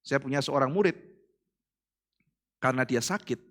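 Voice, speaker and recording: A male pastor with an Indonesian accent preaching a sermon in a church, telling stories with acted dialogue and swinging between loud bursts and hushed asides. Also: medium pitch, normal speed. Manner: addresses congregation as "saudara".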